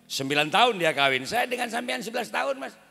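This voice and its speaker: A man's voice: extremely high pitch, very animated, quick pace, vocal fry, pushed and bright, pitched above the performer's own voice, full character voice. A man voicing a nagging wife who keeps complaining about the neighbors' wealth, ending each line with "Mas". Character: nagging wife comparing her husband to neighbors. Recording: reverberant hall sound system.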